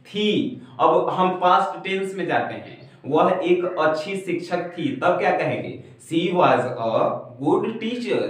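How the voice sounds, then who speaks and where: A young man teaching at a whiteboard in his twenties. He speaks in a fairly high voice and at a very slow, drawn-out pace, repeating each example. The sound is very echoey and distant, picked up by a camera mic across a bare classroom. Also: a bit bright. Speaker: spoken English teacher. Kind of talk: classroom lesson. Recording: very echoey room, heard from afar.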